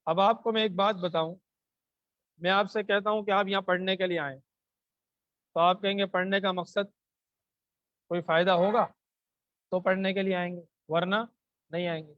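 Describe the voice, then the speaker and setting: A man with a Pakistani Urdu accent teaching a Quranic grammar lesson into a microphone. He recites Arabic verses slowly, then explains them, and asks the class questions that he answers himself. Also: sits high, level tone, no room sound, highs cut off.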